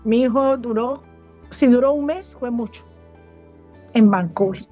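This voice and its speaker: Expressive woman pastor, high voice. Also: a little slow, dull audio, soft background music. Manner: emotional, animated storytelling, acts out dialogue. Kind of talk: testimony in an interview.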